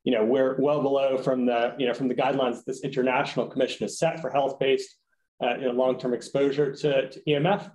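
A man's voice: medium pitch, flat delivery, fairly quick, darkish tone, poor audio. A man serving as a technical expert at a public hearing, explaining at length with many fillers and restarts.

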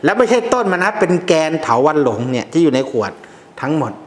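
A man explains amulet lore in a casual, jokey, blunt way, throwing in coarse slang. His voice sits a little high for a man. The room around him is noticeably echoey. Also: sing-song, fast talker, slight background noise. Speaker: amulet teacher.

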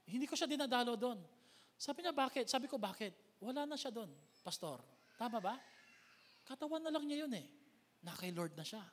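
A Filipino man preaching a sermon as pastor, with big swings in pitch and loudness, recorded in a church hall. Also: animated, fairly quick, long pauses. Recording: long hall reverb.

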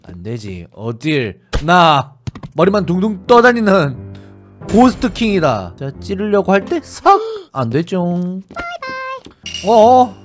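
A man's voice: high voice, big pitch swings, slow, faint music behind. A man hosting a gaming channel, giving playful game commentary with jokey, mock-dramatic narration and sudden outbursts.

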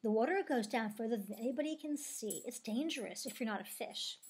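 A woman's voice: on the high side, expressive, a little fast, darkish tone, breathy edge. A woman voicing a jealous, boastful female plush stingray toy. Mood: huffy.

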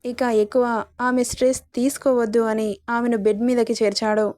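A woman storyteller reads a romance serial with a soft, dreamy delivery. Her voice is fairly high but mellow and warm. The recording is close and dry, with no room sound. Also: flat delivery, moderate pace, no room sound. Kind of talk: scripted romance story narration.

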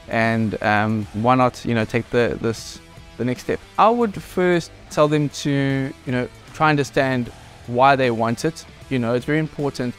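A South African man in his thirties giving a reflective testimonial interview in a bright clinic lounge, with lots of "you know" fillers. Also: mid-range voice. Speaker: clinic patient.

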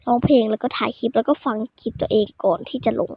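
A woman's voice: fairly high pitch, quick pace, husky, no echo. A woman vlogging casually to her viewers, rambling and self-critical, often restarting her sentences, recorded on a phone. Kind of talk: casual vlog talk to viewers. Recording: tinny phone-like, dry sound.

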